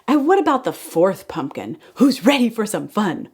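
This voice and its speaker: A woman's voice: medium pitch, big pitch swings, normal speed, darkish tone, breathy edge. A woman speaking in a sing-song, encouraging kindergarten teacher voice, leading preschool circle time with poems and chants.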